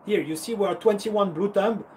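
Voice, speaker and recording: A man's voice: sits high, normal speed, darkish tone, a little hiss or hum. Upbeat man in his thirties, slangy coach. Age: 30s. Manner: upbeat, encouraging, acts out punches and footwork with sounds; slang-laden and chatty. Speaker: karate fighter and coach hosting a live Q&A. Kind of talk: casual live-stream Q&A. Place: at home.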